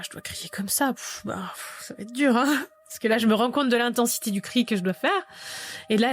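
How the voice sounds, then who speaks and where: Woman in her thirties telling a story. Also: mid-range voice. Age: 30s. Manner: vivid narrator who acts out remembered dialogue. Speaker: podcast guest. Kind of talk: personal storytelling in a podcast interview.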